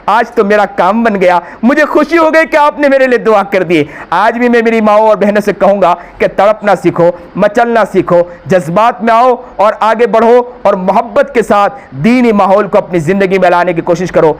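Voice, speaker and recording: A man's voice: high-pitched, few pauses. A man with an Indian Urdu accent, preaching earnestly to women and pleading with them. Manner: earnest, pleading, repeats phrases. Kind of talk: religious talk to women.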